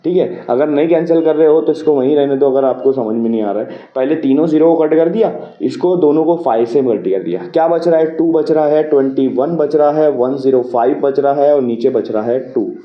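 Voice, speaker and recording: A man's voice: fairly high pitch, fairly quick, hardly any pauses. A male maths teacher talks through a worked problem in a slightly raised voice, patiently repeating each step. He asks questions and answers them himself. The sound is roomy and dull, like a lo-fi classroom video.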